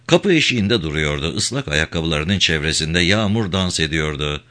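A man reading a crime novel aloud as the narrator, in an expressive storytelling manner. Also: extremely low pitch, normal speed. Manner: expressive reading with voiced dialogue. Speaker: audiobook narrator. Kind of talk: scripted narration.

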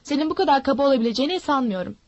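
A woman voicing a sly, menacing old male pirate who coaxes and threatens smoothly. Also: high voice, expressive, rapid-fire, no echo, highs cut off. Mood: sly coaxing. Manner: smooth-talking, mocking threats.

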